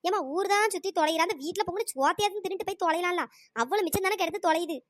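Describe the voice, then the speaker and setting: A woman voicing a sharp-tongued old mother-in-law in a cartoon, scolding and sarcastic. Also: extremely high pitch, racing, dry recording. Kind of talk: cartoon dialogue with pitch-raised voice.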